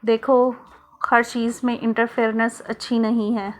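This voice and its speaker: A woman reading a storybook, voicing a gentle fatherly middle-aged man in a slow, calm, even way. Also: a little high, close to an everyday voice. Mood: stern. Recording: soft music underneath.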